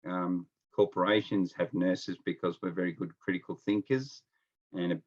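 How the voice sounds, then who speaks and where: A middle-aged interview guest from Melbourne, an experienced nurse, shares easygoing stories during a remote call at home. His deep, steady voice moves at a normal speed, though the recording lacks high frequencies.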